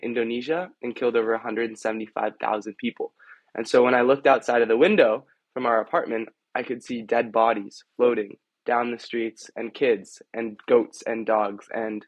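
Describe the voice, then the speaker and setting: A man's voice: medium pitch, no room sound, highs cut off. A young man, a student, telling a personal story in an earnest, heartfelt way. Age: young adult. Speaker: student panelist.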